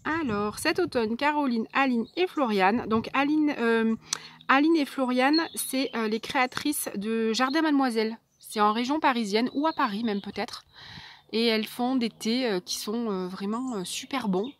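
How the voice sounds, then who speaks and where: A woman vlogger chatting casually as she unboxes a parcel, soft and hesitant, with many fillers. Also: a little high, moderate pace, slight background noise.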